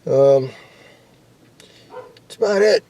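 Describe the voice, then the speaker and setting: Around his pickup truck, an American hobbyist vlogger gives a plainspoken, folksy show-and-tell of his CB radio setup, laid-back and rambling. His medium-pitched voice is mellow and expressive, and he takes it slowly; clicks and noise come through the handheld camera audio.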